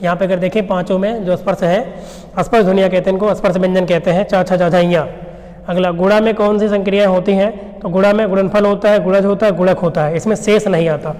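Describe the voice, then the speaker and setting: A man's voice: high voice, fairly even intonation, fast talker, darkish tone, big-room sound. A male teacher giving an exam revision lecture, who asks questions and then answers them himself. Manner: explains by asking and answering his own questions.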